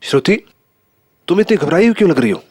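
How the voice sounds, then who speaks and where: An actor playing a calm young fiancé who soothes and dismisses his worried partner in a horror TV drama. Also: on the high side, quick pace, noisy background. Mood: soothing. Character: calm, reassuring young fiancé, doubtful and practical.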